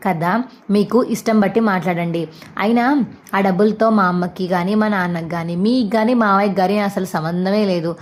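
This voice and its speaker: A woman's voice: medium pitch, steady tone, brisk, natural voice. A woman voicing a firm, outspoken young daughter-in-law who argues indignantly.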